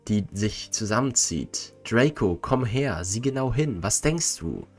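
A man reading as a cold aristocratic father who urgently presses his son to look closer. The voice sits low, with a faint music bed behind it. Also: lively intonation, a little slow. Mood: eager. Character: eager cold aristocratic father, middle-aged.

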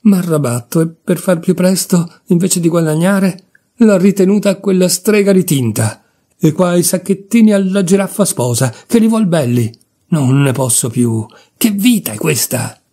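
A man reading aloud voices a proud, quick-tempered young woman who snaps in exasperation. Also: fairly high pitch, big pitch swings, husky, full character voice. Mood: exasperated. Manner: sharp, exasperated.

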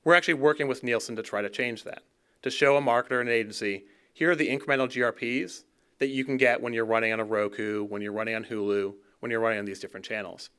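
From the podium of a dark auditorium stage, a man in his thirties speaks into a gooseneck mic for a conference keynote. His mid-range voice is clean and fairly bright with fairly even intonation, and he talks fast and conversationally, sometimes repeating words while restarting a phrase.

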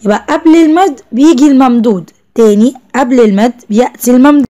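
A young woman with an Egyptian Arabic accent teaches a first-grade class, praising the children often. Her voice sits fairly high but sounds mellow and soft-edged. She stretches out each word slowly when she spells it. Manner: drawn-out slow spelling of words, encouraging praise to children.

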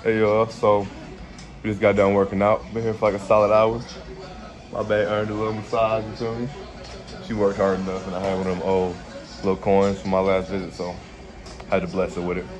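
A young man talking casually into his phone camera with loose slang, drifting soft and reflective, with hip hop music behind him. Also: lowish voice, flat delivery, a little fast. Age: young adult. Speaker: vlogger. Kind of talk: casual vlog chat. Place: quiet indoor room, an old church. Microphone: phone camera held close.

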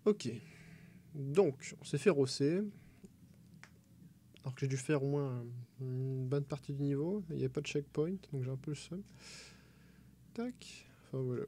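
A man's voice: a little high, mellow, slight background noise. A young man giving casual, slangy, wry live game commentary as a streamer. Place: small room at home, indoors.

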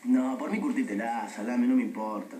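An actor playing an impatient, brash police colleague with an Argentine accent. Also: male voice, mid-range voice, moderate pace, warm tone, echoey room, distant mic, slight background noise, close to an everyday voice, poor audio. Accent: Argentine Rioplatense Spanish.

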